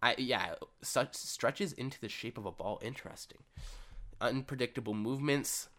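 A man's voice: mid-range voice, normal speed, fairly bright tone. A young man co-hosting a podcast, chatting casually about fighting games and reading stats out with lots of fillers. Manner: rambling, reads stats aloud with fillers. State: hiccups. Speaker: podcast co-host. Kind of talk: casual gaming chat.

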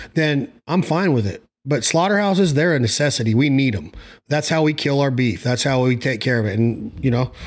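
A man talking casually and at length about his views in an emphatic, blunt, rambling way, using mild slang. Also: mid-range voice. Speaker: hunting show host. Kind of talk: casual opinionated chat.

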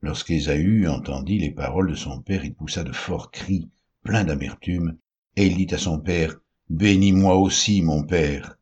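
A man giving a measured, solemn scripted reading of the Bible. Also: extremely low pitch, a little mellow, breathy edge, dull audio. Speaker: Bible reader.

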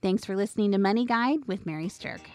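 A woman's voice: medium pitch, quick pace. A woman hosting a financial advice show, explaining things in an informal, conversational way. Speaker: financial radio show host.

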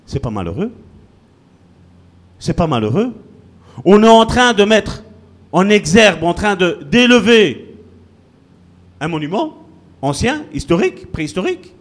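A man preaching a sermon as pastor, swinging between loud bursts and low, quiet lines. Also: very animated, measured pace, pauses often.

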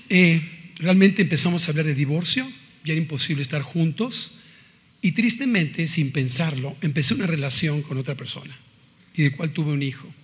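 A middle-aged man with a Mexican Spanish accent giving a personal faith testimony in an earnest, conversational way, moving between quiet and emphatic moments. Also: on the high side, husky, long reverb tail. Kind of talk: testimony talk.

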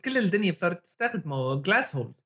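A man's voice: high voice, very animated, rapid-fire, a bit bright. A man with a Levantine Arabic accent co-hosting a casual tech chat, often repeating words as he searches for phrasing. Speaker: podcast co-host.

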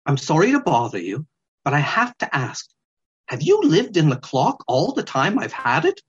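A man voicing a gentle, polite male polar bear who speaks sincerely and earnestly. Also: on the high side, wildly swooping pitch, moderate pace, breathy edge, muffled recording, heavily acted.

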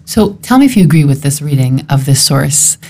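A woman leads a Torah study discussion, reasoning aloud in a thoughtful, searching way and restarting as she works through ideas. Her low voice is sing-song, a little fast, and slightly mellow.

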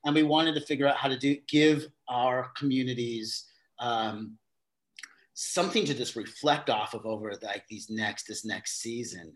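A middle-aged man with a mid-range voice talks at normal speed as a guest on an interview show. In casual conversation he rambles about his theater company's new work, often restarting his sentences.

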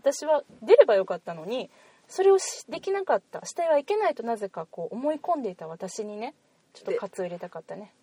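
A woman with a Kansai accent, co-hosting a casual podcast chat and explaining things in a lively way. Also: a little high, quick pace, breathy edge, dry recording. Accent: Kansai Japanese. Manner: lively, animated explaining with laughs. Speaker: podcast co-host.

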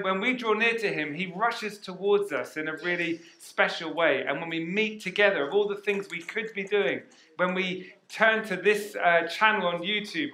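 A man preaching a sermon as pastor, energetic and questioning the congregation, on a headset mic in a church hall. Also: fairly high pitch.

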